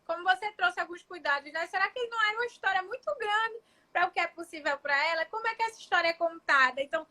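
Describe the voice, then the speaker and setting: A woman's voice: very high-pitched, animated, fast, sharp tone. A woman hosting a live online chat as a child psychologist, reflective and conversational, often checking in with her listener. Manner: reflective, often asks "né?" and restarts her thoughts. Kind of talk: casual explanatory live chat.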